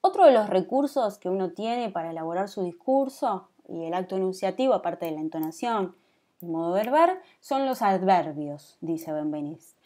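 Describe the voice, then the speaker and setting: Mellow-voiced Rioplatense woman teaching. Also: mid-range voice. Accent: Rioplatense Spanish. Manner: explanatory, checks in with students with frequent "¿sí?". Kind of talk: online class lecture.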